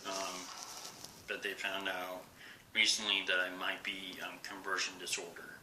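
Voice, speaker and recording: A man in his forties speaking to a camera in a personal vlog, halting with many pauses and fillers, sometimes dropping to a soft whisper. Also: deep voice, flat delivery, a little hiss or hum, rough recording. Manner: drops to a soft whisper at times. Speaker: vlogger. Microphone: camera he faces while recording.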